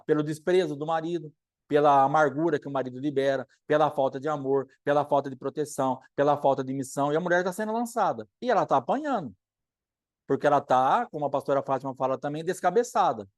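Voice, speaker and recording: A man's voice: on the high side, dry recording, clean studio sound. A middle-aged male pastor teaching in a sermon, earnest and repetitive, sometimes voicing imagined people. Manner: earnest preaching with repeated phrases and voiced quotes.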